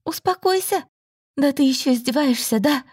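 Brief: betrayed young woman, indignant and sharp, as a woman narrator puts her on, dry close mic. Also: high-pitched, lively intonation, moderate pace, no room sound, pitched above the performer's own voice. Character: hurt young woman, angry and tearful. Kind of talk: audiobook story reading.

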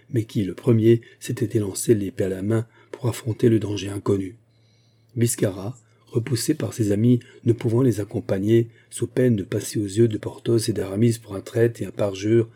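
Husky, dark-voiced male narrator. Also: on the low side. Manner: even, measured storytelling. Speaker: audiobook narrator. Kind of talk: novel reading.

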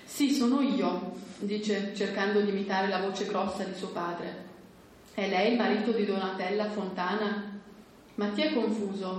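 A woman reads a story aloud in a steady, measured voice of medium pitch. The room is strongly reverberant, and a faint noise sits under her voice. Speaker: reader at a book presentation. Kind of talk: literary reading aloud. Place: hall at a book presentation.

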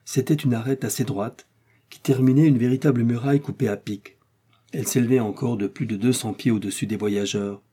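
Husky, dark-voiced male narrator. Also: medium pitch. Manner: steady, measured storytelling. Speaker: audiobook narrator. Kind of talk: scripted narration.

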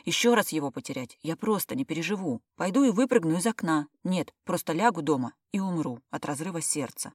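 A woman reading a first-person novel aloud in a steady, tense storytelling manner. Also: sits low, brisk, few pauses, husky, no echo, studio quality. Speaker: audiobook reader.

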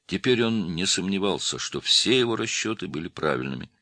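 A man narrating an audiobook in a steady storytelling manner. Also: low-pitched, fairly quick, no room sound. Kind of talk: scripted narration.

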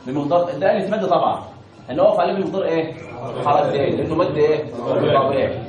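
Egyptian teacher drilling students, echoey room. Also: male voice, on the high side, racing, far from the mic, lo-fi sound, a loud crowd. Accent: Egyptian Arabic. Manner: call-and-response questioning, drilling pronunciation. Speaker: Quran recitation teacher. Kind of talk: Quran recitation lesson.

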